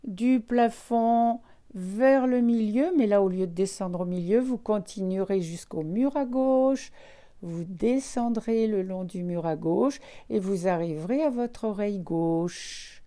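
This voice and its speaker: A woman with a mellow, relaxed voice leads a guided relaxation lesson. She speaks slowly at a medium pitch, leaving frequent pauses between gentle, calm instructions. Her delivery is unhurried and addressed straight to the listener.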